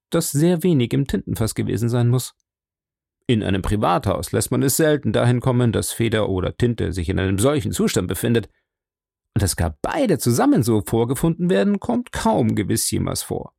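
A man's voice: mid-range voice, creaky, warm tone, no room sound, clean studio sound. A man reading an audiobook, voicing a keen male detective who asks pointed, probing questions. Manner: pointed, inquisitive questions, lifted emphasis.

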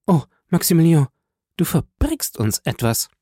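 Guy putting on a teary young woman, high and begging, mellow dry sound. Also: lively intonation, normal speed, husky, dry recording. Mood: distraught. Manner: pleading, exclaiming questions. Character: distraught young woman, pleading and tearful. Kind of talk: audiobook character voice.

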